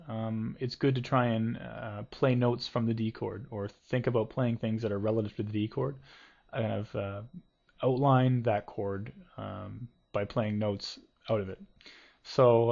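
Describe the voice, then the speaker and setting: A man's voice: lowish voice, creaky, a little mellow. A man giving a casual guitar lesson, explaining loosely with many ums and restarts. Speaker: guitar teacher. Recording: dull lo-fi home video audio with guitar.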